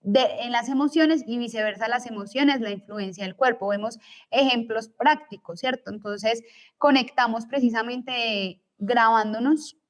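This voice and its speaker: A woman's voice: a little high, a little slow. A young woman lecturing as a teacher in a recorded course, explaining each point and checking in with tag questions.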